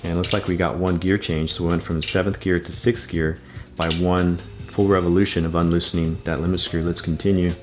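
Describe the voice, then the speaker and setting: A man's voice: low-pitched, little pitch movement, fairly quick. A man giving a patient, methodical bike repair tutorial, talking through each step as he works. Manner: patient, methodical, repeats steps.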